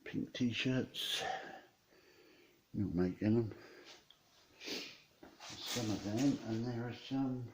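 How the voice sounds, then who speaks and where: A man's voice: medium pitch, extremely slow, pauses often, slight background noise. A man with an East Anglian Norfolk accent, chatting casually and colloquially in a laid-back vlog style. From Norfolk, England. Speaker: host of a small video channel. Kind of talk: casual rambling vlog chat and joke-telling.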